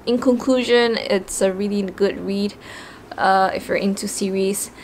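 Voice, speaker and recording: A woman's voice: mid-range voice, fairly even intonation, unhurried, a little hiss or hum. A young woman with a Malaysian English accent, chatting casually about books and slipping Malay words into her English. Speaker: book vlogger. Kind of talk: casual chat.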